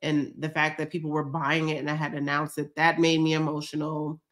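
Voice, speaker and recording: A woman's voice: low voice, level tone, a little fast, a bit bright. A woman, chatting casually and emotionally to viewers on a live stream while reading their comments. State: teary. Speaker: vlogger hosting a live stream.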